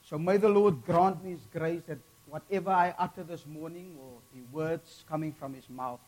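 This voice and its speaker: High-pitched South African preacher with Cape Flats accent. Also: male voice, moderate pace, rough recording. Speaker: guest preacher. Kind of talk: sermon to a congregation.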